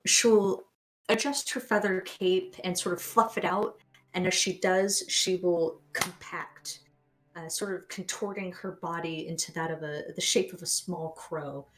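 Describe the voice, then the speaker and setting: A young adult woman narrating a tabletop game as game master, with descriptive, unhurried narration. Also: lowish voice, fairly even intonation, fairly bright tone, rough recording.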